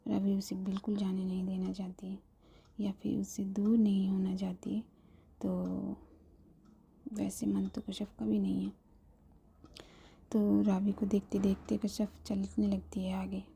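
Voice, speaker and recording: A woman tells a love story in a whispered storytelling narration, soft and close. Her voice is very dark and husky, with a gravelly creak running through it. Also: mid-range voice, monotone, measured pace, pauses often. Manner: soft whispering, casual asides.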